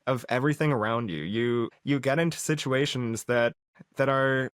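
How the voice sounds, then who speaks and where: A man's voice: medium pitch, moderate pace, smooth, no echo. A man hosts a podcast in a chatty, casual way, often restarting mid-sentence as he thinks aloud. His voice sits close and dry on the microphone. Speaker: podcast host. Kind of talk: casual conversation.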